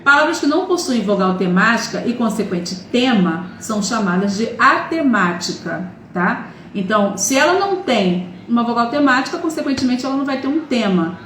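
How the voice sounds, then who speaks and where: A woman's voice: fairly high pitch, animated, normal speed, fairly bright tone. A woman Portuguese teacher giving an online grammar lesson, explaining patiently and checking in often with short questions. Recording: echoey room with faint noise.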